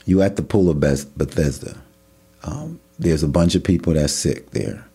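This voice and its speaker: A man's voice: very deep voice, moderate pace, husky. A man in a casual Bible discussion, talking loosely and acting out imagined bystanders. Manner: animated, acts out imagined voices in a rising tone. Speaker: Bible study co-host.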